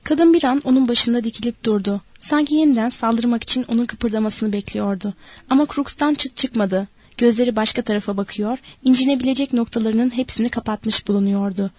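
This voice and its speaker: A woman narrating a novel in a measured, expressive reading. Her voice is fairly high and the sound is dry and close. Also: no room sound.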